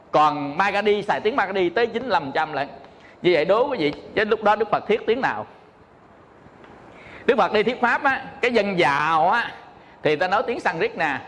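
Monk explaining stuff to his listeners, lots of "à", keeps checking they get it, pretty high voice, hall echo. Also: animated, normal speed, a bit bright, a little hiss or hum. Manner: explanatory, often asks "hiểu không?", many "à" fillers. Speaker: Buddhist monk teacher. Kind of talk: dharma talk to an audience.

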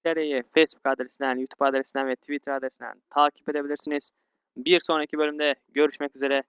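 A man's voice: a little high, little pitch movement, quick pace, fairly bright tone, clear, resonant tone, no echo. A man commentating his own gameplay, grumbling and getting easily frustrated, with sighs and yelps. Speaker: gaming YouTuber. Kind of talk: let's play commentary.

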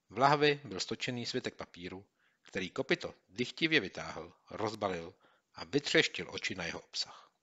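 Bright-voiced male audiobook narrator. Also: deep voice, muffled recording. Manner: steady, clear storytelling. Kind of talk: scripted narration.

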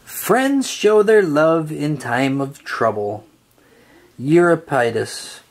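With a mid-range voice, a storybook reader performs a children's picture book aloud, lilting in a sing-song way and stretching out phrases expressively.

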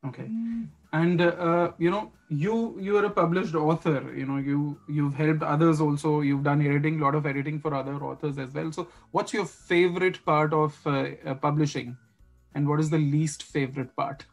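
A man's voice: on the high side, fairly even intonation, moderate pace, low-quality recording. Male podcast host, hesitant questioner full of fillers, with faint music behind. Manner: hesitant, many fillers and repeats. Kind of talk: podcast interview.

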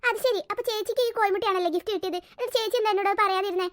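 A woman's voice: very high-pitched, steady tone, very fast, fairly bright tone. A woman voicing a sulky, greedy young teenage girl in a cartoon, complaining in an indignant, whiny way. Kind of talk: cartoon voice acting.

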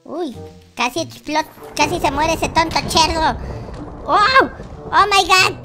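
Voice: extremely high pitch, lively intonation, slow pace, exaggerated voice. A performer voicing a timid but boastful baby noob boy in a Minecraft gameplay video, talking in childish baby talk with a lisp. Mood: gleeful. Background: faint background music.

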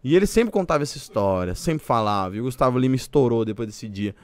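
A young Brazilian man, a podcast guest, telling stories in a loose, animated way full of swearing. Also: mid-range voice, fast talker, no room sound. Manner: animated, swears a lot, acts out quoted voices. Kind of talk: casual podcast storytelling.

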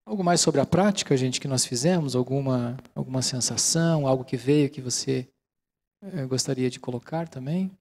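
This is a relaxed lecture with audience questions: a middle-aged Brazilian mindfulness teacher addresses a large auditorium through a handheld mic. His mid-range voice moves at a moderate pace, calm and explanatory, sprinkled with fillers like "né" in Brazilian Portuguese as he keeps checking in with the crowd.

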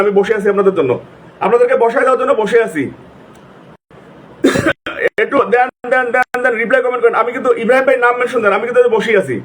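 A man's voice: very high voice, a little hiss or hum. A man with a sore throat, hosting a live stream, calling out viewers' names over and over and urging them to join and comment. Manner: repetitive, urgent calling out of names. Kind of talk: live stream shout-outs.

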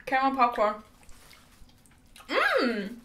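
A woman's voice: high voice, slow pace, slight background noise. A woman in her twenties chatting casually and giggling as she eats gross jelly beans in a taste challenge, recorded at home. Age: 20s. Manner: giggly, animated. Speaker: vlog challenge participant. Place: bright indoor room at home.

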